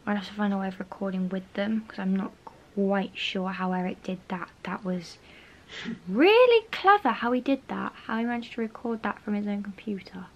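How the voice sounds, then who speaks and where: A woman's voice: mid-range voice, lively intonation, normal speed, highs cut off. Young woman vlogging, rambling and repetitive. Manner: rambling, repeats herself, drops to a whisper at times. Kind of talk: casual vlog chat. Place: bedroom at home, indoors. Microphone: handheld camera close to face.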